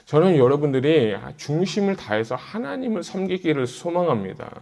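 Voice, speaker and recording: A man's voice: a little high, very animated, moderate pace, vocal fry, darkish tone. Man preaching a conversational sermon. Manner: conversational, thinks aloud, grows urgent when exhorting. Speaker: pastor. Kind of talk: sermon, Bible exposition.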